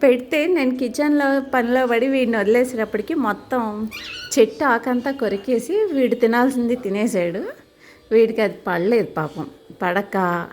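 A woman chatting at home with her pet bird, switching between cooing baby talk and calm explanations to viewers. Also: mid-range voice. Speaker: pet vlogger. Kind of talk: casual chat with a pet.

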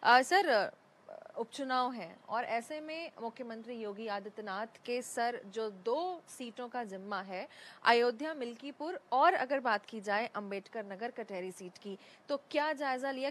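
Female news reporter, measured questions with brief fillers, slightly raised pitch. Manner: scripted intro, then questions with fillers.

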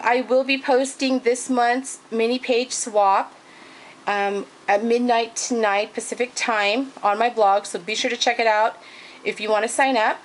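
A woman's voice: a little high, a little hiss or hum, rough recording. A woman craft vlogger showing off gifts in a casual show-and-tell, gushing and thanking people over and over. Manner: gushing, repeats thanks and praise.

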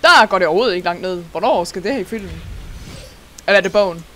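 A young adult gaming host chatting through a let's-play in an excitable, giggly way, slipping English words into the commentary. The voice sits at a middling pitch, with a faint hiss of background noise behind it. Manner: excitable, laughs often, sprinkles English words into speech.

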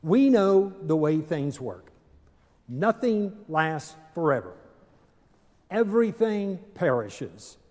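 Older guy pastor giving a sermon, slow and deliberate, mellow voice, long church echo. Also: fairly high pitch, sing-song. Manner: measured, deliberate preaching with dramatic pauses. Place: large stone church sanctuary, at a pulpit. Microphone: pulpit microphone, far camera.

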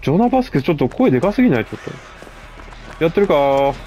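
A man with a gravelly voice, chatting casually and mocking himself as he comments on his own game play. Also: on the high side, very animated, rapid-fire, mellow, soft background music. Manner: chatty, self-mocking, frequent laughs. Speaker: gameplay commentator.

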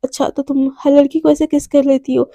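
A woman's voice: sits high, level tone, fairly quick, vocal fry, mellow, no room sound, studio quality. A woman voicing a tough, jealous young woman in a romance story, speaking in a cold, accusing way.

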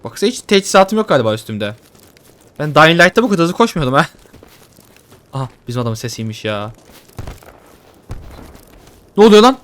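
A man giving casual, excitable commentary while playing a shooter game, joking and swearing at what happens. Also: on the high side, brisk, pauses often. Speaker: gaming YouTuber. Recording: faint gunfire behind. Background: faint game gunfire and explosions.

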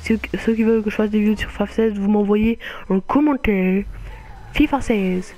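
A man's voice: sits high, steady tone, moderate pace, dark tone, slight background noise. Man bantering over a racing game. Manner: playfully scolds a laughing friend over and over. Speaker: gaming video host. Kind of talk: casual gameplay commentary.

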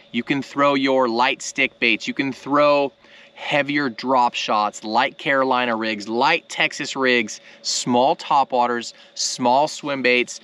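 A man in his thirties hosting a fishing channel, explaining gear to the camera in a casual, energetic, plain-spoken way from a boat on a lake. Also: mid-range voice. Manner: energetic, plain-spoken, lots of "right?" and "okay?". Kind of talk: casual instructional talk to camera. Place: outdoors on a boat on a lake at sunset. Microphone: camera in front at close range.

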